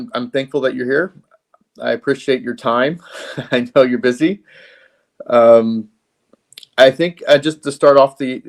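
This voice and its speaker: A man hosting an interview, polite and hesitant, with many fillers and restarts. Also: mid-range voice. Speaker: host. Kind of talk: casual interview.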